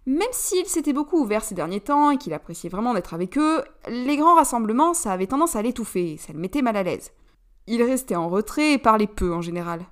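A woman reading a story aloud, narrating at an even, steady pace. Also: fairly high pitch.

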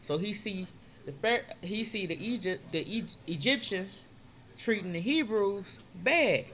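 Man, higher voice, casual street-slang storytelling, animated, voices characters. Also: measured pace, slight background noise. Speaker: storyteller retelling Bible stories.

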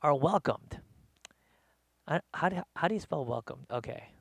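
A male comedian hosting a live show, rambling in a slangy, animated rant from his studio. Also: on the high side, moderate pace, gravelly, slightly rough, dry recording. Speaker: comedian host. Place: home studio.

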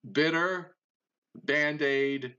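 A man's voice: a little high, steady tone, pushed and bright, smooth. A man co-hosting a casual chat and quizzing his partner in a guessing game, stopping and restarting often, heard over a bad connection that breaks up and lags. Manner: teasing quizmaster, halting with many restarts. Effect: bad connection, breaking up with delay. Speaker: co-host. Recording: muffled lo-fi remote line.

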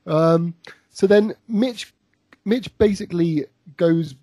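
A man's voice: high voice, takes it slowly, mellow, no echo. A man chatting casually as a podcast co-host, recapping an episode with a rambling, laughing delivery. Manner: rambling, many restarts and laughs. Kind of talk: casual chat.

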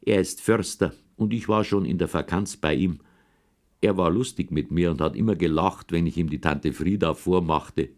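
A man's voice: sits low, normal speed. A man narrating a humorous first-person boyhood story as an audiobook reader. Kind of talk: scripted narration.

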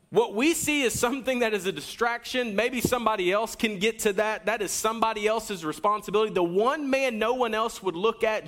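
High-voiced man preaching with wide swings. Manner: energetic preaching with wide swings in pitch and loudness; addresses the congregation directly, with asides and a coaching tone. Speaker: pastor. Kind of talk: sermon.

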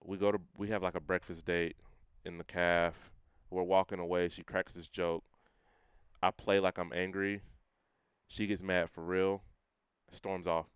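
In a casual interview, a young adult guest shares his personal testimony in a very deep, very clear voice, speaking earnestly in everyday slang at a measured pace and level tone. He drops his voice when quoting himself, and the sound is dry and close with no room sound.

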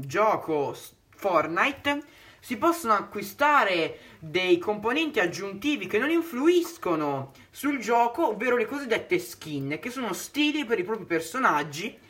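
Guy cohosting a podcast, explains stuff step by step, really animated pitch. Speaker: podcast co-host. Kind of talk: podcast discussion.

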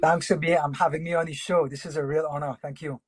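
A man from Trinidad and Tobago, a sports broadcaster, talks easily as a guest, unhurried and amiable. His voice sits a bit high with a husky, breathy edge. The sound is dry and close. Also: no room sound. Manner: relaxed, friendly, with fillers and pauses. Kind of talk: casual interview chat.

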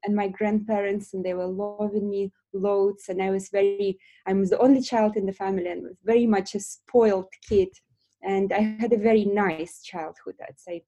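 A woman with a soft-edged, mellow tone and a Belarusian accent answers questions in a casual interview. English is not her first language, and her phrasing is hesitant, with frequent small pauses. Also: medium pitch, steady tone. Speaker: interview guest, lash business founder.

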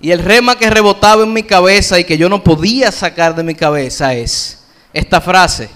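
A middle-aged male pastor preaching a sermon, slowing down to stress key phrases. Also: sits high, fairly bright tone.

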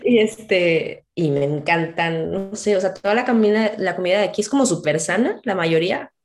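A woman's voice: lowish voice, moderate pace. Chatty Mexican woman telling stories. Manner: animated storytelling, voices her own and others' quoted lines. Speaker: interview guest. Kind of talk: casual conversational interview.

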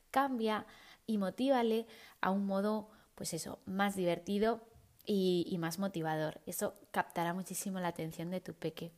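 Chatty Spanish-speaking woman giving parenting tips. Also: medium pitch. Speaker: parenting educator. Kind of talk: casual advice talk to camera.

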